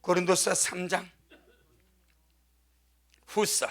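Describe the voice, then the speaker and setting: Fervent high-voiced male pastor, gravelly. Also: fairly even intonation, takes it slowly, a bit bright. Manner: fervent, emphatic preaching with frequent amen calls. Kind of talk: sermon.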